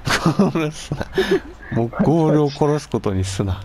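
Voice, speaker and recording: A man playing a fighting game, bantering excitedly with playful, mock-dramatic exclamations. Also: fairly high pitch, unhurried, noisy background. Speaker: video game player.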